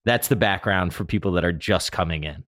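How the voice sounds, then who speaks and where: A man's voice: low voice, a little fast, a bit bright, no echo, studio quality. A man hosting a podcast, moving between scripted announcements and casual chat. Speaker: podcast host.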